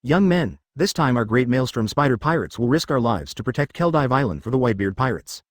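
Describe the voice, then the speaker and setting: A man voicing a bold male pirate captain who rallies his crew in loud shouts, within a narrated story. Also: medium pitch, lively intonation, fairly quick, no room sound, studio quality, lightly acted. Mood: rallying.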